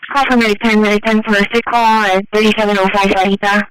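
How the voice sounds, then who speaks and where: A man's voice: sits high, little pitch movement, fast talker, fairly bright tone, clean tone, no echo. A man working as a dispatcher, giving clipped, procedural police radio traffic over a two-way radio. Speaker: emergency dispatcher. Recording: noisy police scanner radio.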